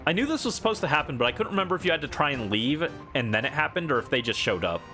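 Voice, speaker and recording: Male streamer, playful casual game commentary, very animated delivery, light game music underneath. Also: fairly high pitch, racing. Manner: playful, voices game characters aloud.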